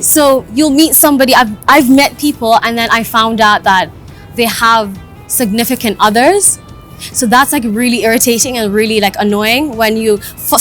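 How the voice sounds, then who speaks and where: A young woman from Kenya chats openly to the camera in a casual vlog, her voice sitting a little high. She laughs easily as she talks, recorded outdoors high up on a building. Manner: chatty, candid, laughs easily. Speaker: vlogger and radio host.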